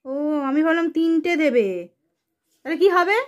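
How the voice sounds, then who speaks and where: A young woman, a mother chatting casually with her small child and coaxing him along with many gentle questions. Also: extremely high pitch, moderate pace, lo-fi sound.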